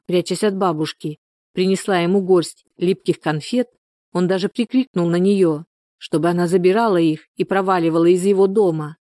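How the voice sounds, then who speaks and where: Woman narrator, calm storybook reading, low pitch, mellow tone, dry sound. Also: no room sound.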